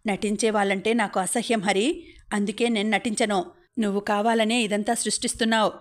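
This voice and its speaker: A woman voicing an upright young man who is quick to anger, speaking in short, rushed lines in an audiobook. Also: medium pitch, steady tone, close to an everyday voice. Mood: angry.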